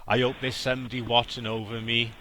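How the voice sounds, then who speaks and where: A man's voice: medium pitch, little pitch movement, fast talker, pushed and bright, slight background noise. A man from South Wales with a Welsh accent, a scambaiter earnestly giving advice over a phone call, often stammering as he restarts. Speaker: scambaiter host.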